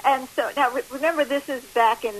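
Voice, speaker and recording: A woman's voice: sits high, steady tone, brisk. A woman in her late sixties giving an emphatic, explanatory interview over the phone as a guest counselor. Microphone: telephone. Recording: hissy, noisy phone line.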